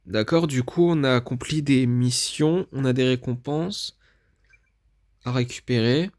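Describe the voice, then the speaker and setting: A man's voice: medium pitch, a little slow, a little mellow. A man giving casual let's-play commentary, thinking aloud as he reads through menus and often admits he is unsure what things mean. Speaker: gaming video creator.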